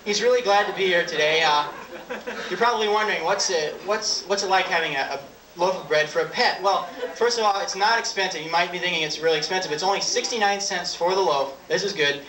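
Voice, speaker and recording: A young man with a high-pitched voice performs stand-up in a halting, offhand manner. He is heard from a distance in a roomy venue on an old videotape, with a noisy audience around him. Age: 20s. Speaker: stand-up comedian. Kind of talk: live stand-up comedy with props. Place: small dark theatre stage with audience. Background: audience laughter and crowd noise.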